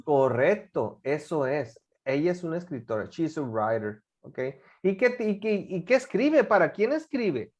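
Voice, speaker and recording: A woman with a low voice leads an English class. Her pitch rises and falls a lot as she coaxes students along with guiding questions. She drills pronunciation patiently, repeating each word. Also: big pitch swings, unhurried, hardly any pauses, a little mellow, dull audio. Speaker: English teacher.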